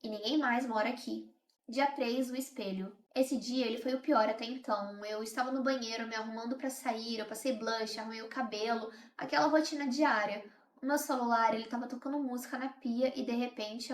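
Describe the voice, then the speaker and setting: A woman's voice: fairly high pitch, echoey room. A young woman reading a first-person horror account in a tense, confiding way. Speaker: horror channel host.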